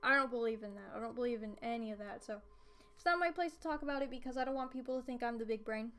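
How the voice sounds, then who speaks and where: A woman's voice: fairly high pitch, fast talker, fairly bright tone, clean tone. Rambling, giggly teenage girl streamer. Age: teens. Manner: rambling, giggly, many fillers. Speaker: livestreamer. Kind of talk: casual livestream chat. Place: bedroom. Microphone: streaming desk mic. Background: game soundtrack music playing faintly.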